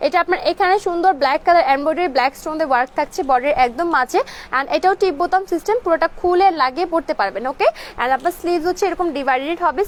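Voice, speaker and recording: Hosting a livestream to sell clothes, a Bangladeshi woman keeps repeating prices and product codes and sprinkles in English words. Her throat is slightly dry from fasting, her voice sits high, and there's some faint background noise.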